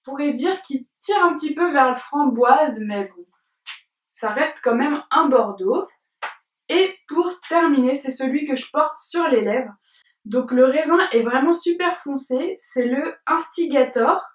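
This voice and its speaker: A woman's voice: high-pitched, animated, unhurried. Hesitant chatty young woman, roomy and distant. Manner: chatty, hesitant with many fillers, giggly. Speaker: beauty vlogger. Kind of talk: casual tag video, showing products. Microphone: camera at some distance.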